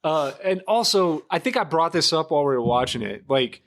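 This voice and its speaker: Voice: mid-range voice, expressive, a little fast, crowd noise. Podcast co-host retelling scenes. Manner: retells scenes, acting out the lines, swears freely. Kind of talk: casual chat.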